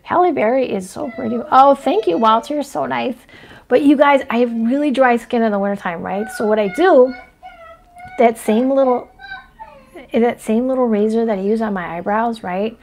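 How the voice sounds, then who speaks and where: A chatty woman in her forties with a slightly high voice, talking casually to viewers in a livestream. She rambles from one point to the next and keeps checking in with "right?" and "you know what I mean?". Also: moderate pace, vocal fry, a little mellow, slight background noise. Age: 40s. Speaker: astrology vlogger showing her makeup routine.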